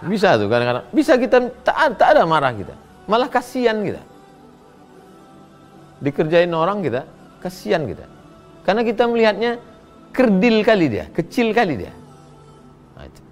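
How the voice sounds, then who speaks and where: A middle-aged man, a preacher answering listeners' questions in a humorous, animated sermon. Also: high voice, moderate pace, pauses often, faint music behind. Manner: humorous, animated, acts out quoted voices; reads listeners' questions aloud, then answers.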